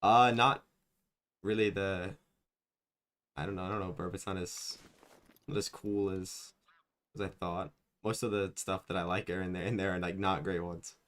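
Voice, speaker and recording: A man's voice: sits low, level tone, moderate pace, pauses often. A young man streaming a hunting game, chatting loosely with viewers, rambling and self-mocking, often saying like and dude. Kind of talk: casual live-stream chat while gaming.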